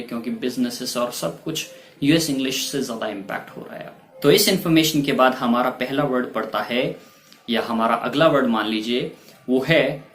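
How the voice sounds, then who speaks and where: A man teaching English vocabulary and pronunciation in a bilingual lesson, explaining slowly and repeating key words with stress. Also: mid-range voice, a bit bright, reverberant.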